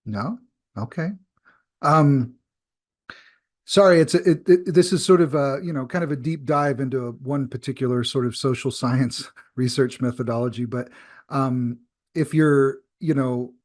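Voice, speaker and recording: A man's voice: mid-range voice, unhurried, darkish tone. A man presenting a workshop over a video call, talking loosely with many fillers and restarts.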